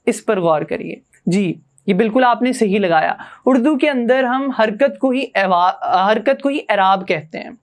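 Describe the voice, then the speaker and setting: A young adult university student from Pakistan, speaking in a high voice, works as a student teacher giving a classroom grammar lesson. He explains patiently, using rhetorical questions.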